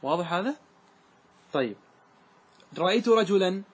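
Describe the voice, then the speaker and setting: A man teaching a grammar class, quizzing his students with quick questions. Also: high voice, animated, slight background noise. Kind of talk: classroom lesson with drills.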